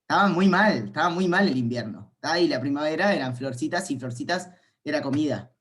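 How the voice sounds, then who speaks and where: A man's voice: fairly high pitch, lively intonation, a little fast, a bit bright. A man, a university calculus lecturer giving an informal online class, playful and rambling as he thinks aloud.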